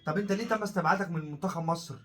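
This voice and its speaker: A man with an Egyptian Arabic accent, co-hosting a casual football talk show, blunt and critical in quick bursts. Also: fairly high pitch, a little hiss or hum. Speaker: co-host of a football talk channel.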